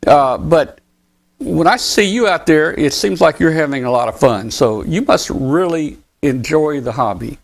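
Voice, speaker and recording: A man's voice: a little high, lively intonation, creaky. Chatty man hosting a radio show. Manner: friendly, chatty, halting restarts. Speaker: show host. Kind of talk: live show interview.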